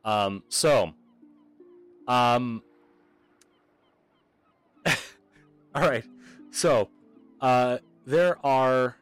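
A man narrating a tabletop game as game master, halting with frequent pauses. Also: medium pitch, animated, clear, resonant tone, no room sound, soft background music.

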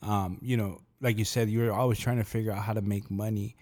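A man's voice: lowish voice, steady tone, a little fast, a little mellow. A man hosting a podcast, asking long, rambling questions full of restarts. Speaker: podcast host. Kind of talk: casual interview talk.

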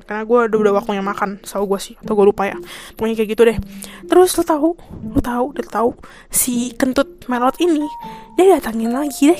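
A woman's voice: a little high, a little mellow. A young woman, telling a work story in a casual, exasperated, slangy way and mimicking coworkers. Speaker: podcast host.

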